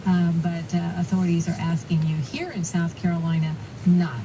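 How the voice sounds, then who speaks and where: A woman's voice: on the low side, little pitch movement, normal speed, noisy background. A woman anchoring live storm news coverage, giving updates and safety advice in a partly ad-libbed way.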